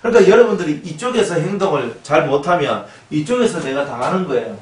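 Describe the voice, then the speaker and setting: In an echoey room far from the mic, a pastor delivers a lively sermon at a fast clip. His slightly high voice mimics other people and swells for emphasis.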